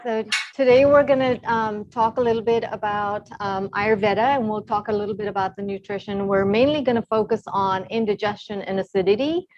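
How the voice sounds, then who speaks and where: A middle-aged woman from Zambia, an Ayurvedic consultant, giving a relaxed talk full of ums over a video call. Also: mid-range voice, fairly quick, few pauses. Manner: relaxed, many ums, explanatory. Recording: slightly dull video call audio.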